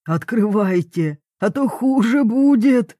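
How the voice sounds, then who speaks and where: A woman voicing a jealous, hot-tempered middle-aged military father who blusters and growls low. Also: steady tone, measured pace, warm tone, dry recording, studio quality. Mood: roaring. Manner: gruff, blustering, dropping to a low menace.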